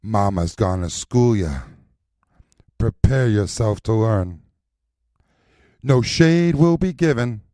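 A man performing recorded voice lines as a sassy, confident drag mother teaching a class, in a slow rhythmic chant with sultry stretched endings. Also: lowish voice, animated, dark tone, dry recording, studio quality.

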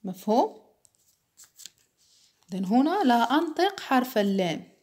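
A woman teacher giving a slow, patient spelling lesson to children, repeating words carefully and checking that they understand. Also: a little high, big pitch swings, darkish tone. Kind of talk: slow classroom explanation for children.

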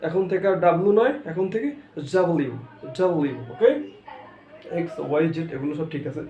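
A man's voice: fairly high pitch, expressive, fairly quick, warm tone. A man whose first language is Bengali, teaching English letter sounds in a spoken lesson, repeating each sound and checking in with "okay?". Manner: repeats each sound many times, asks "okay?" often. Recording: roomy, dull lo-fi sound with faint noise.

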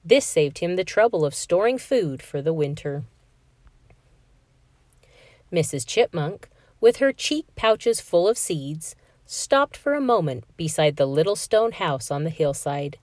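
A woman reading a children's picture book aloud in an expressive, sing-song storytelling manner. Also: low voice, measured pace, no echo.

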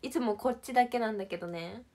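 Quick-paced and fairly high in pitch, her voice also has a slightly mellow quality. She's a young idol livestream host from Shizuoka, Japan, casually reading comments and chatting with viewers in a bubbly, playful, giggly way.

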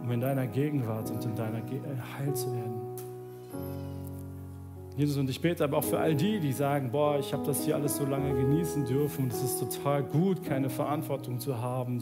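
A pastor in his thirties stands on a large church stage delivering an earnest sermon that swings between quiet, low passages and raised pleading. He ends with a prayer as soft instrumental music plays underneath.

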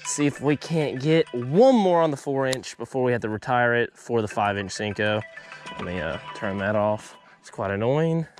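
Out on a small boat with an action camera rolling, a young fishing vlogger keeps up cheerful, casual commentary for his audience. He has a medium-pitched, animated voice and talks at a moderate pace, with faint music behind him.

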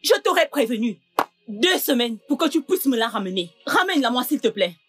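A distraught mother whose daughter is missing, her voice slightly high and breathy, emotion pressing through every line, played by an actress. Music sits faintly behind. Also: sing-song, a little fast. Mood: accusing. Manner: emotional, accusing and grateful by turns. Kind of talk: dubbed film drama.

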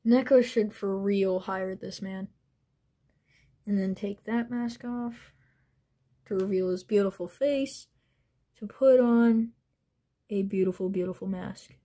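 A young woman showing off collectible figures and masks, gushing with excitement and often trailing off mid-sentence. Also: medium pitch, takes it slowly, pauses often. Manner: gushing, breathless, trailing off and restarting. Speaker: toy collector vlogger. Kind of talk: excited unboxing vlog.

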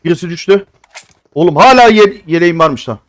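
A man's voice: sits high, animated, a little fast, noisy background. A man giving casual live commentary on a mobile shooter game, grumbling to himself and flaring into exasperated outbursts.

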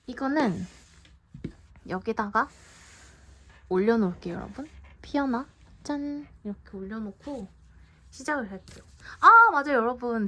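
A young woman vlogging an unboxing in a chatty, gushing way, often dropping to a soft whisper, indoors at home. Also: fairly high pitch. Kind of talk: unboxing vlog.

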